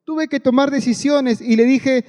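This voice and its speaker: High-voiced man preaching in a reverberant hall. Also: moderate pace, a little mellow. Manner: earnest, repeats phrases, keeps addressing the congregation. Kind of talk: sermon.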